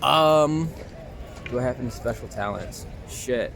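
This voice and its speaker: His medium-pitched voice is creaky and a bit bright, and he talks at a measured pace. The young American, an actor and filmmaker from Long Island, fumbles casually through a street interview outdoors in the city, where traffic makes the recording noisy.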